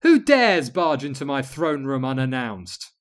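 A man's voice: high voice, animated, slow, pitched above the performer's own voice. A man voicing an imperious young witch queen who plays the melodramatic villain. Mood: outraged. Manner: melodramatic, gloating, shouting commands.

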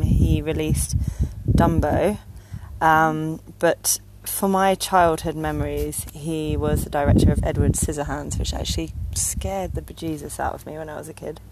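A woman co-hosting a podcast, with a fairly low voice for a woman. She talks in a chatty way, full of ums, and reads a rhyming poem aloud. There is clear noise behind her on the recording. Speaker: podcast co-host. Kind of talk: casual chat and poetry reading.

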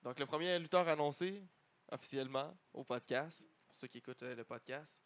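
A man's voice: a little high, brisk, fairly bright tone. A man with a Quebec French accent hosting a podcast, chatting casually about his subject in loose, informal banter. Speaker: podcast host.

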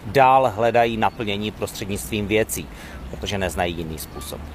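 Guy preaching a calm sermon, reads the bible out, voice goes up and down a lot. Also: lowish voice, slight background noise. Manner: earnest, measured reading with lively rises and falls. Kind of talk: devotional sermon with scripture reading.

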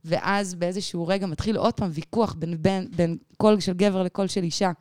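A woman in her thirties, a podcast guest, telling a personal story in an animated, rambling way full of fillers. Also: lowish voice, no echo, clean studio sound. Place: podcast studio.

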